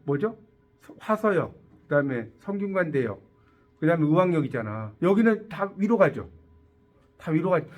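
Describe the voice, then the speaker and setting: Lively high-voiced man teaching vocabulary. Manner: asks rhetorical questions and repeats key words. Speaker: English teacher. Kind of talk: classroom-style lecture.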